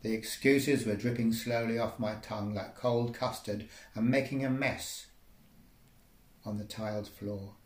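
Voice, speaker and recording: A man's voice: on the low side, fairly even intonation, measured pace. A man reading surreal micro-fiction aloud in a wry, rambling, dreamlike way. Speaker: storyteller. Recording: roomy echo.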